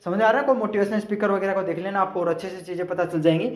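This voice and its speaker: A man's voice: sits high, steady tone, racing, echoey room. A male teacher going through exam questions, explaining each answer and checking with the students.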